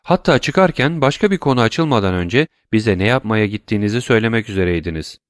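A man's voice: lowish voice, animated, fast, no echo, clean studio sound, lightly acted. A man reading an audiobook, voicing a poised noble woman who courteously asks probing questions.

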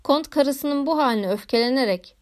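A woman reading a classic novel aloud in a measured, literary narration. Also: sits high, a little mellow. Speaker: audiobook narrator. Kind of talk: scripted narration.

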